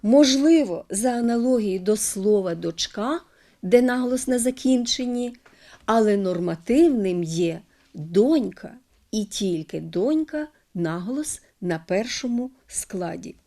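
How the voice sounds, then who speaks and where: A woman presenting a scripted television lesson on word stress, speaking carefully and stressing each word deliberately. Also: mid-range voice, warm tone. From Ukraine. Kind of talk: scripted educational talk.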